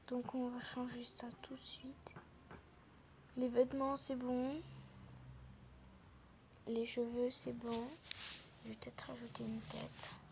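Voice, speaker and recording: Soft-voiced girl chatting over gameplay. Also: fairly high pitch, little pitch movement, slow, gravelly, pauses often, slight background noise. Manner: soft, often whispering, many fillers like genre and euh. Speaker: gaming video creator. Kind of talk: casual gameplay chat.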